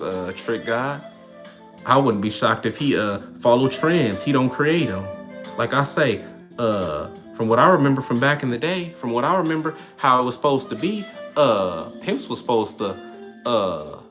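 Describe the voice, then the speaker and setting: A man's voice: mid-range voice, fairly bright tone. A man hosting a livestream in casual talk, reading and answering chat comments in a streetwise, preachy manner. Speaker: livestream host.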